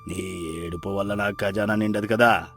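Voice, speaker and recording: An actor playing a harsh, greedy village landlord who speaks slowly and with menace in a storybook drama. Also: male voice, on the low side, steady tone, a bit bright, soft background music. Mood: scornful. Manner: slow, menacing, domineering. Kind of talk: storybook voice acting.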